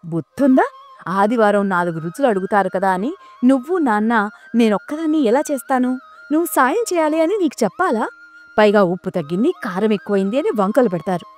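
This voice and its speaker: A woman voicing a nagging, quick-tempered middle-aged mother in a spoken story, scolding in rapid complaints. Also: a little high, animated, darkish tone, faint music behind, close to an everyday voice.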